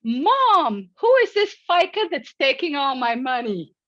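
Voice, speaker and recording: Indignant college girl mumbling over her first paycheck, as a woman on a webinar quotes her, slow talk, dull lo-fi sound. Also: on the high side, animated, dry recording.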